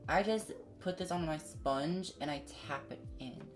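This mid-range, unhurried voice belongs to a beauty vlogger in their twenties who brings a sassy, slangy drag queen manner to a casual makeup review filmed to camera. Background music accompanies the talk in a small indoor room set up for filming.

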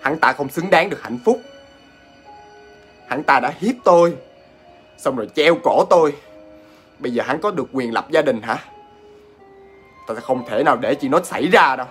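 A man's voice: medium pitch, expressive, normal speed, long pauses, fairly bright tone, faint music behind, pitched below the performer's own voice, lightly acted. A man voicing a vengeful female ghost who has possessed a man, in a told ghost story. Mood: menacing. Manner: menacing, vowing revenge.

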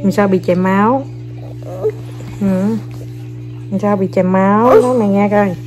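A woman's voice: mid-range voice, fairly even intonation, measured pace, darkish tone, soft background music. A young mother, filming her kids and coaxing them, talking to viewers in a casual, playful way. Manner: coaxing, playful, repeats short commands to children.

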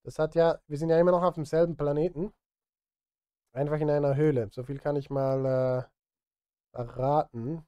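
A film music composer in his thirties streams live from his indoor home studio, chatting casually and partly to himself while he works, headphones on and close to a studio mic. His voice runs on the high side, mellow and clean with a steady tone, normal speed and long pauses. The recording has no echo but sounds muffled.

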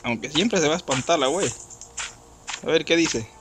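A man giving casual gameplay commentary, joking, talking to his character and shouting at the game. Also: on the high side, moderate pace, very noisy. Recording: loud game music under the voice.

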